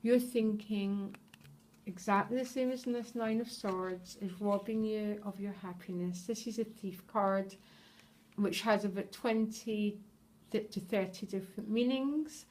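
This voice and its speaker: A woman giving a tarot reading straight to her viewers, earnest and openly emotional, often pausing to check in with them. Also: mid-range voice, darkish tone. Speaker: tarot reader.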